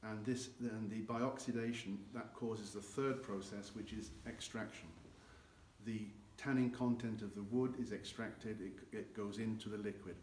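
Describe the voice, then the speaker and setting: An older man's darkish, low-side voice carries fairly even intonation at a normal speed as he explains how cognac ages. He is a guide in a dim barrel warehouse with an earthen floor, gesturing with both hands throughout. The recording, made a few meters away by a camera, is echoey and has faint noise.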